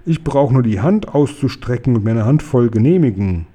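A man's voice: mid-range voice, expressive, normal speed, dark tone, lightly acted. A man reading aloud and voicing a brutish giant who bawls and brags. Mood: gloating. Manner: bawling, drawn out. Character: brutish male man-eating giant, bragging.

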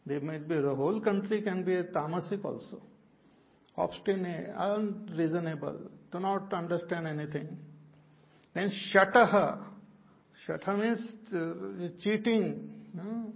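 Man, North Indian accent, high-pitched voice, spiritual discourse, emphatic repetition, Hindi-English mixing, dull low-fidelity recording. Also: gravelly. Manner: repeats key words for emphasis; slips between English and Hindi. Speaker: spiritual teacher. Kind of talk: religious discourse explaining Sanskrit terms to listeners. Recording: dull lo-fi audio.

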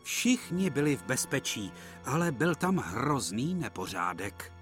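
A man narrating a cartoon storybook-style in an expressive way. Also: mid-range voice, soft background music.

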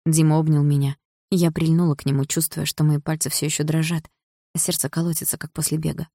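A woman reading an audiobook in the first person, with expressive, lively storytelling. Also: low-pitched, quick pace, no room sound, studio quality. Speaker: audiobook narrator.

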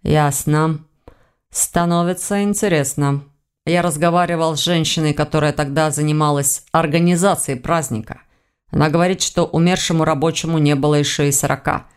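Lady doing a low slow calm guy detective, audiobook. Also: smooth, natural voice. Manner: slow, lowered, measured delivery.

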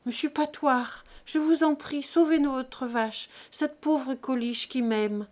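A gentle young farm girl, as a woman reading the novel puts her on, tearful and pleading, her storybook voice lifted higher than the narration. She begs with soft urgency. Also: slow pace.

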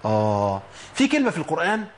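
A man's voice: a little high, wildly swooping pitch, quick pace, a little hiss or hum. A man with an Egyptian Arabic accent teaching Quranic pronunciation, explaining step by step and answering his own questions. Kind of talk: instructional lesson on pronunciation.

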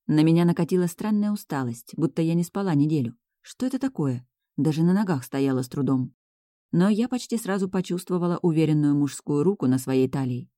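A woman reading a first-person fantasy audiobook with measured, expressive storytelling. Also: low-pitched, no echo, studio quality. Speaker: audiobook narrator.

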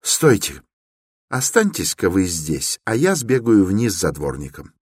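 Eager young man, voiced by a male reader, insistent, lively rising tone, dry studio. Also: low voice, unhurried, husky, no echo, voice pushed up, full character voice. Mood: excited. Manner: urgent, insistent, explaining. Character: eager excitable young man, law student.

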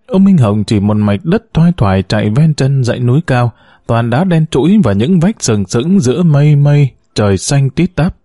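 A man reading a story aloud at a steady pace, with a dark, mellow timbre. The recording is dry and close, with no room echo, and his pitch sits in an ordinary middle range. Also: moderate pace. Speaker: narrator. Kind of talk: audiobook reading.

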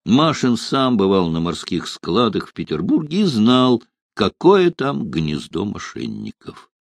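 A man narrating an audiobook in an expressive, varied manner. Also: fairly low pitch, a little slow, gravelly, dry recording.

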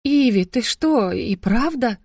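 A woman's voice: on the high side, lively intonation, takes it slowly, darkish tone, no room sound, studio quality, pitched above the performer's own voice, full character voice. A woman voicing an anxious, doting middle-aged mother who asks shaky, eager questions, in a storybook reading. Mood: shocked. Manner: trembling, gasping, eager for gossip.

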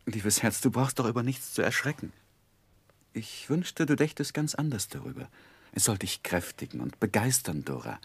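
Here the same lovestruck young man of the 1960s German radio play is voiced by a male actor in a fairly low, sing-song register at normal speed. The delivery is exaggerated, creaky and edged with breath, tender and coaxing, and keeps its careful literary wording.

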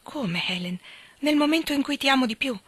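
A woman's voice: high-pitched, expressive, a little fast, fairly bright tone, no echo, pitched above the performer's own voice. A woman reading aloud as an ardent, anguished young man, pleading and fervent. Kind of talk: audiobook reading.

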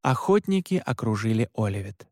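A man reading a first-person story aloud as an audiobook narrator, in an even, measured way. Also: on the low side, dry recording, studio quality.

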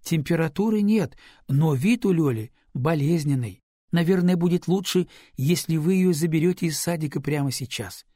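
A husky-voiced man voicing a concerned female kindergarten teacher, speaking higher and louder with urgency, in an audiobook. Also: normal speed, dry recording, clean studio sound, natural voice.

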